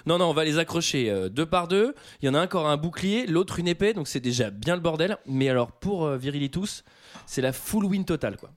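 A man hosting a casual podcast chat, retelling things in an animated, jokey way. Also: on the high side, a little fast.

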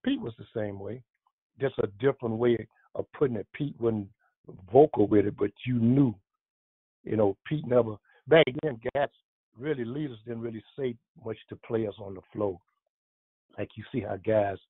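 An older man in his seventies tells stories about his playing days in a loose, rambling way, often restarting his sentences. His husky voice comes through a tinny phone line, dry and close. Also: on the low side, normal speed, pauses often, dry recording. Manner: rambling storytelling with many restarts. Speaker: former pro basketball player, guest. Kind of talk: casual reminiscing interview.

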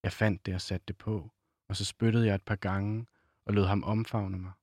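A man, an author, reads a passage from his novel in a slow, measured voice, then talks about it casually as a guest. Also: lowish voice, little pitch movement, a little mellow, dry recording, studio quality. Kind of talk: literary reading, then casual conversation. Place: in Copenhagen.

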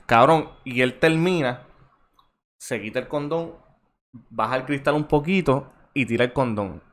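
A young man with a Puerto Rican accent, co-hosting a podcast and telling a profane, animated story in casual chat. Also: medium pitch, unhurried. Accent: Puerto Rican Spanish. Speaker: podcast co-host.

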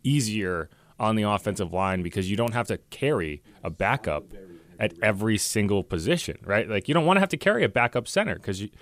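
A man's voice: on the low side, big pitch swings, a little fast. A man hosting a sports podcast, breaking down players in a chatty, analytical way and often checking in with "right?". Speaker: podcast host. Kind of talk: casual sports talk.

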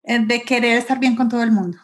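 A woman with a slightly high voice hosts a casual interview. She speaks candidly and personally, asking questions and answering from her own experience in a conversational way. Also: steady tone, quick pace.

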